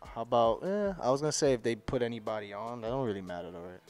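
A man's voice: medium pitch, fast, a little mellow, clear, resonant tone, faint music behind. A man with a New York accent co-hosting a podcast, talking in loose, slangy banter and laughing easily. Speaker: podcast co-host. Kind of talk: casual chat.

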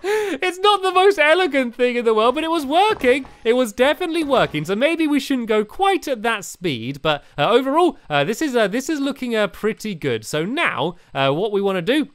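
A young British man giving chatty, excitable commentary while playing a building game, full of fillers and restarts. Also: extremely high pitch, normal speed, no room sound. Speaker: gaming video creator. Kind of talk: casual gameplay commentary.

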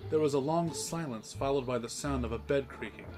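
A man reading storybook narration in a steady, even way. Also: medium pitch, a little fast. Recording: narration with music behind it.

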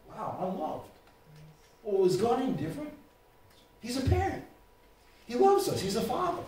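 A man preaches with a very high voice, dropping low and quiet, then climbing into shouts. He is heard from a distance in a church that rings with heavy echo. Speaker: pastor. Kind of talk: sermon. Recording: echoey church room, mic far off.

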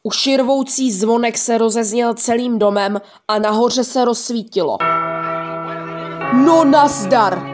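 Brief: woman horror narrator, higher pitch, soft music underneath. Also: fairly even intonation, few pauses. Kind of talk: scripted horror story narration.

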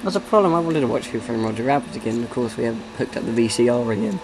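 A man's voice: mid-range voice, animated, very fast, music in the background. Rambling, joking man on game commentary. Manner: rambling, joking, breaks into bits of song and impressions. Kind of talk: casual let's-play commentary. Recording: noisy home recording.

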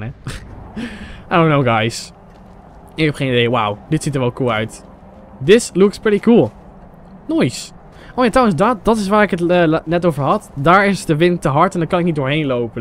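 A young Dutch man casually commentating his gameplay for viewers, excitable and chatty, often tossing in English phrases. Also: mid-range voice, slight background noise. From Netherlands. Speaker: gaming YouTuber. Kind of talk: Let's Play commentary.

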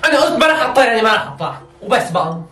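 A man voicing a loud, mocking young woman who refuses an arranged match, in a comedy sketch. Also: very high-pitched, very fast, echoey room, faint music behind. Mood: defiant. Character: brash, rude young woman resisting marriage.

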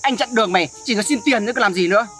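Lady doing a smug teen boy bully, taunting, rattles it off fast, kids skit dub. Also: medium pitch, fairly bright tone, soft background music, close to an everyday voice. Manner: taunting, boastful. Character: cocky teenage boy bully, mocking and greedy. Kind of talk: dubbed children's skit.

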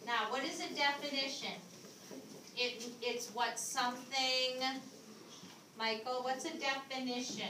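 A woman's voice: high voice, steady tone, measured pace. A woman teaching a class as a visiting teacher, patiently prompting students to repeat her words, in a school classroom. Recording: echoey classroom from far off, noisy.

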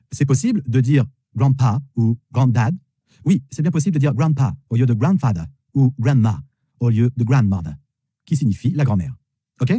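A man teaching English vocabulary in French, slowly repeating each word three times. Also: medium pitch, mellow, husky, dry recording, studio quality. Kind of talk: language lesson with repeated pronunciation.

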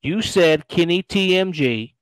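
New host in a stream fight, fairly high voice, combative, sarcastic and profane, dry close sound. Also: male voice, animated, a little slow, no room sound. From New England. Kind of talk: heated live-stream argument.

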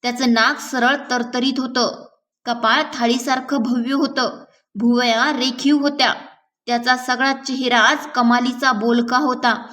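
A woman with a high, light voice reads a novel aloud. Her delivery is measured and gentle, paced for storytelling. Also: flat delivery, recorded from a distance. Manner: measured, gentle storytelling with small slips and restarts. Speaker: audiobook reader.

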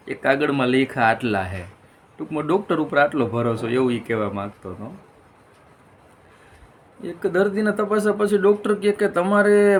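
A middle-aged man, telling a string of jokes in a casual monologue and switching voices for the punchlines. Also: a little high.

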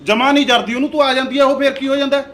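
A man's voice: very high-pitched, steady tone, fairly bright tone. A man playing a hot-tempered protective brother. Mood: insistent. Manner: insistent and quick to anger. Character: hot-tempered loving brother, a village husband.

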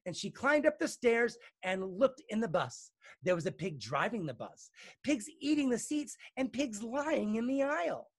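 Brief: male teacher reading a picture book to kids, expressive, pitch rising and falling a lot. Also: moderate pace. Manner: lively, expressive, playful. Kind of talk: storybook read-aloud.

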